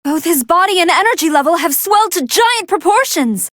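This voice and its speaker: A woman voicing a polite, soft-hearted female android scientist who gives formal, earnest and expressive commentary on fights in a video game. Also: very high voice, a little fast, dry recording, clean studio sound. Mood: composed, curious. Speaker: match commentator.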